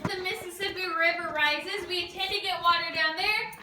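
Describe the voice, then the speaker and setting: A female cave tour guide gives semi-rehearsed narration inside a show cave, her very high, bright, forceful voice keeping fairly even intonation at a moderate pace. The echoey recording catches her far from the mic, with faint noise.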